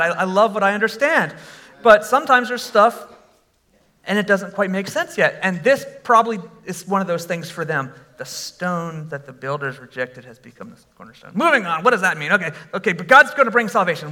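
Preaching a sermon, this male pastor's voice sits high. He speaks conversationally to the congregation, using fillers, and bursts into animated shouting at his exclamations.

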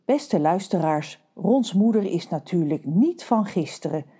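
A woman's voice: lowish voice, warm tone, breathy edge. A woman narrating a children's audio story playfully, talking directly to her listeners.

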